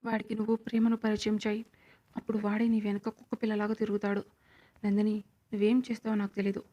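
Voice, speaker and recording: A woman voicing a stern, scheming elderly grandmother who speaks gravely and commandingly in a storybook reading. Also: mid-range voice, completely flat delivery, quick pace, mellow, muffled recording, close to an everyday voice.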